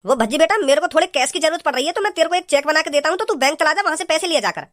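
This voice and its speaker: A woman's voice: sits high, racing, fairly bright tone, no echo, clean studio sound. Woman doing a stern impatient cartoon dad. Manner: ordering, impatient. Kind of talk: cartoon comedy voice acting.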